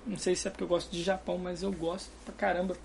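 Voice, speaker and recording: A woman from Brazil in casual podcast chat, telling a story with quick asides and restarts. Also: on the low side, little pitch movement, gravelly, a little mellow, slight background noise.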